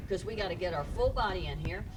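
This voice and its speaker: A woman with a lowish, animated voice talks fast as she hosts a live children's music show on an outdoor stage in the evening, chatting with kids and parents and cheering them on. The sound is distant, like a live stage, with loud band music in the background.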